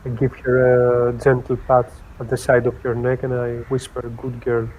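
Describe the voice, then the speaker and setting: Man player in a tabletop game, monotone, gentle formal in-character lines, faint hiss. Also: medium pitch, moderate pace, narrow, tinny audio. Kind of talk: tabletop role-play, in and out of character.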